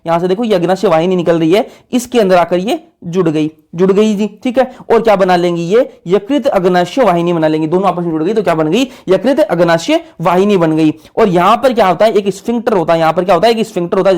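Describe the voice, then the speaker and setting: Male tutor, high voice, quizzes the class over and over, lecturing over a diagram. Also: darkish tone. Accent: Hindi-speaking north Indian. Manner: asks a question, then repeats the answer; drills the class with call-and-response questions. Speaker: biology teacher.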